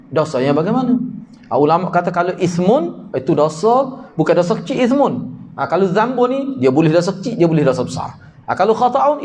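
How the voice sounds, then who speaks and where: A man's voice: sits high, a little mellow, a little hiss or hum. A man from Malaysia with a Kelantanese Malay accent, teaching a hadith study class in a conversational way, explaining terms and putting questions to his listeners. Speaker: religious teacher.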